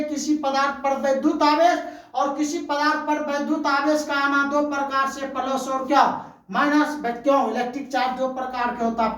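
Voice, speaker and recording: High-voiced woman teacher in an echoey room. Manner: drills by asking questions and answering them herself; repetitive, emphatic explaining. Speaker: physics teacher. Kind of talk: Hindi-medium classroom lecture.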